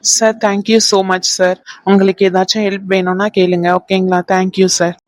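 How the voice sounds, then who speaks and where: A woman's voice: medium pitch, little pitch movement, normal speed, no echo, lightly acted. A woman voicing a polite cartoon hotel worker. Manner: deferential, polite. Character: polite hotel staff member, evasive. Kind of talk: cartoon voice acting.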